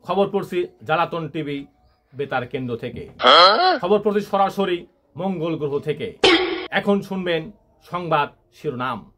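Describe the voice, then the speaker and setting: A man's voice: fairly high pitch, expressive, a little slow, long pauses, over loud music. A man playing a parody news anchor, reading absurd bulletins with mock seriousness. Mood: mock-serious.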